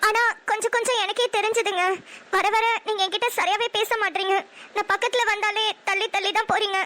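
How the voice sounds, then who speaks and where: A woman's voice: very high voice, fairly even intonation, fairly quick, pushed and bright. A woman voicing a hurt, sulky young wife in a cartoon who talks back petulantly. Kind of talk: cartoon voice acting.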